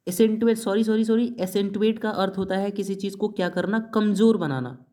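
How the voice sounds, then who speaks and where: Teaching English vocabulary for an exam, this man speaks a little fast in a high, mellow voice. He often asks the class something and then supplies the answer himself, and he spells out the English words he mixes in letter by letter.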